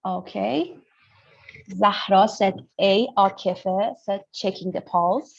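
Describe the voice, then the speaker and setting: A slow, gravelly, mid-range female voice belongs to a lecturer and pediatrician from northern Iran who has an Iranian accent. Teaching an interactive medical class online, she explains and regularly checks that listeners follow along. She is indoors on a video call, and the audio is muffled.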